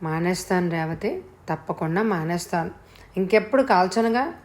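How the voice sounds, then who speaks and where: A woman's voice: lowish voice, animated, normal speed, close to an everyday voice. Woman doing a shy defensive teenage boy.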